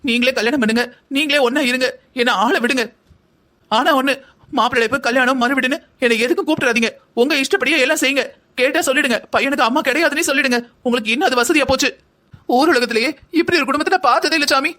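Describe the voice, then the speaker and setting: A woman's voice: mid-range voice, racing, fairly bright tone, lightly acted. A woman voicing an anxious, scheming middle-aged mother who talks in a dramatic, self-pitying way in a cartoon drama. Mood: wounded.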